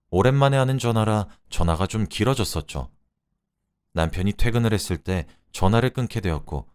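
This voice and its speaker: A man narrating a first-person story as a scripted reading, told in an expressive, conversational way. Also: on the low side, clear, resonant tone.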